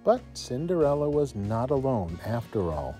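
A male first-grade teacher reading a fairy tale aloud to children, in a dramatic, expressive storytelling manner. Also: medium pitch, moderate pace, soft background music.

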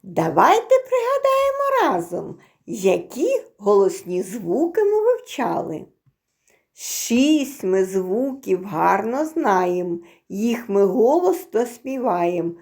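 A woman's voice: mid-range voice, very animated, takes it slowly, darkish tone. A woman teaching preschool children a phonics lesson, speaking in an exaggerated sing-song way.

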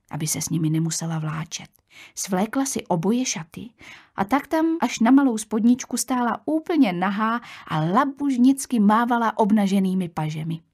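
A woman narrates a children's audiobook at an even, measured pace. Her voice sits in a middle register and stays calm and clear. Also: mid-range voice.

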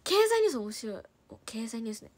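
Young woman, high voice, fast casual livestream chatter, Hiroshima dialect flecks. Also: big pitch swings, darkish tone, no echo. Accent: Hiroshima dialect in places. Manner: chatty, quick-talking, reads viewer comments aloud and thanks them. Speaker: idol livestreamer reading comments.

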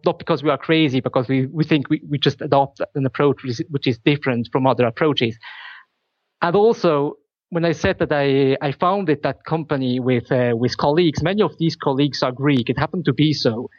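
A man's voice: on the high side, no echo, highs cut off. A man from Switzerland whose first language is Swiss German, speaking English as a company founder in a technical interview. He talks carefully, often repeating words while he searches for the right phrasing.

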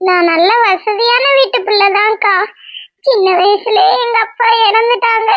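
A voice actor playing a hurt, tearful young wife in a Tamil cartoon, pleading softly with a Tamil accent. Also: very high-pitched, vocal fry, dry recording. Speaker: cartoon character. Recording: dull lo-fi dry voice track.

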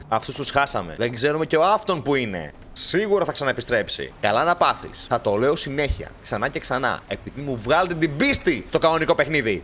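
Animated, jokey male gamer. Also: mid-range voice, a little hiss or hum. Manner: animated, jokey, talks to game characters, bursts into shouts. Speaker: gaming YouTuber. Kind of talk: let's play commentary.

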